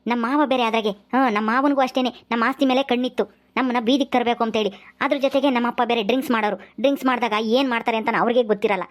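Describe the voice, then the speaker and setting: A woman's voice: a little high, fairly even intonation, very fast, lightly acted. A woman playing an earnest pleading young husband.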